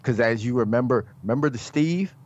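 A man's voice: mid-range voice, animated, brisk, highs cut off, background noise. Teasing, insistent male podcast guest. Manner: teasing, insistent, self-centered. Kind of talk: casual podcast banter.

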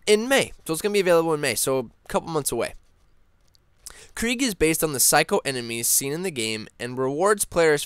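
A young man hosting a casual gaming news vlog, rambling excitedly with lots of fillers and restarts. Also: a little high, clear, resonant tone, dry recording, clean studio sound. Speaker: gaming channel host.

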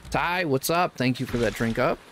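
A man's voice: mid-range voice, moderate pace, fairly bright tone. A man hosting a casual gaming stream, joking with friends and greeting chat viewers. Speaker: streamer host. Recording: noisy stream mix.

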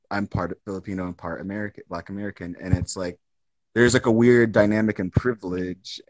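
A young man, an artist, talks in a deep voice during a casual live-stream chat on a video call, holding his phone close to his face at home indoors. He speaks thoughtfully but rambles, with frequent fillers and restarts. The recording is rough, with no room sound.

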